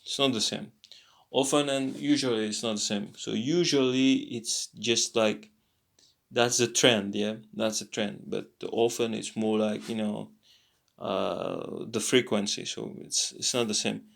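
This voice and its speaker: A tired man teaching a casual language lesson, halting with many fillers and repeats. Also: on the low side, fairly even intonation, gravelly, fairly bright tone. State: tired, yawning.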